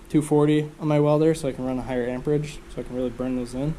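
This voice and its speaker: A man's voice: mid-range voice, fast, a little hiss or hum, low-quality recording. A man with a stuffed-up nose, talking casually and rambling through his work in a home garage workshop. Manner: relaxed, rambling, thinks aloud with fillers. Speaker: car restoration vlogger.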